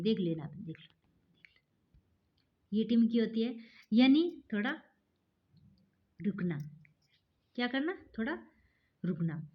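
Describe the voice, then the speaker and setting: A woman's voice: fairly high pitch, lo-fi sound. A woman teaching an online grammar lesson. She talks chattily, calls her viewers "guys" and repeats key points back as quiz questions.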